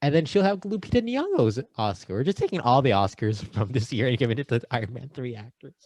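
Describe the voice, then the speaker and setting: A man co-hosting a podcast in casual chat, playful and quick to act out lines. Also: medium pitch, very animated, a little mellow, dry recording. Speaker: podcast co-host.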